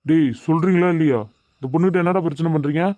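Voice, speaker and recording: A man voicing a strict middle-aged college lecturer in an animated cartoon, scolding students and demanding answers. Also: on the high side, quick pace, no room sound, highs cut off, lightly acted. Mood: stern.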